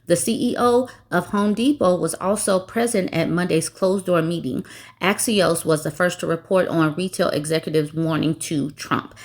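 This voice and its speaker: Lower-voiced woman with sarcastic commentary. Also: normal speed, darkish tone. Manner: sarcastic, mocking asides. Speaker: political commentary host. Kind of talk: reading news articles with commentary.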